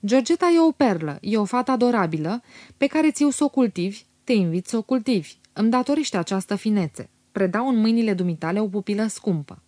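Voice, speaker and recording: A woman's voice: mid-range voice, expressive, mellow, no echo, natural voice. A woman reading a pompous, courtly old general. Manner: pompous, insistent.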